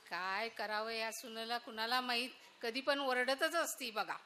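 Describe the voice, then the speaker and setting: A woman's voice: a little high, measured pace, pitched below the performer's own voice. A woman playing a complaining older village mother-in-law in a solo stage monologue. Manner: grumbling, loud calls and complaints.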